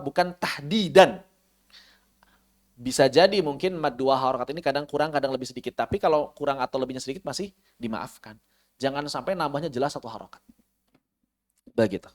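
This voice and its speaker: A man with an Indonesian accent teaching Quran recitation rules in an online class. He chants the Arabic examples slowly and asks his students questions. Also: on the high side. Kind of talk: online tajwid lesson. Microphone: online class microphone.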